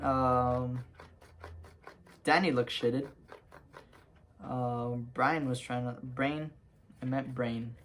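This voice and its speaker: Young guy vlogging a storytime, rambly, lots of ums and restarts, laughs at his own story. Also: medium pitch. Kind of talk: casual storytime.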